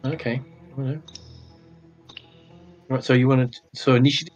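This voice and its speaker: A man's voice: mid-range voice, fairly even intonation, moderate pace, faint music behind. A man playing in a tabletop game who eagerly asks to make rolls. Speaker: player. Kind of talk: casual tabletop chat. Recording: dull lo-fi sound.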